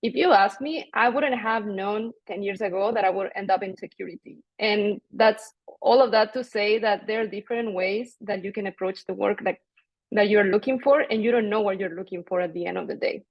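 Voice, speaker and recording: A woman's voice: medium pitch, fairly quick, no room sound, highs cut off. A woman in her thirties from Mexico, a native Spanish speaker, chatting informally about her own path as a panelist. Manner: chatty, conversational, quotes herself in retellings. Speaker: panelist, international development professional. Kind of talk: informal panel talk, personal career story. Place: online video panel.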